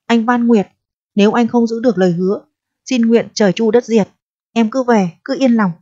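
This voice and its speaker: A woman's voice: fairly high pitch, normal speed, dark tone, no echo, close to an everyday voice. A woman reading the lines of an evasive, self-serving young lover who coaxes and schemes in a storybook reading. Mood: coaxing. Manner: coaxing, then coldly calculating. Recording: dull, dry audio.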